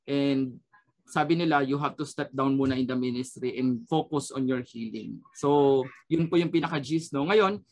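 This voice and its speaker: A man's voice: medium pitch, normal speed. A man sharing an earnest personal testimony as a radio program guest, switching between Tagalog and English and often adding a questioning "no?".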